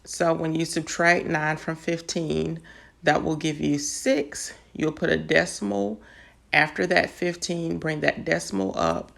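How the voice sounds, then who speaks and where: A woman's voice: deep voice, fairly even intonation, a little slow, creaky, fairly bright tone. A woman patiently explaining math step by step in an online lesson. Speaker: math teacher.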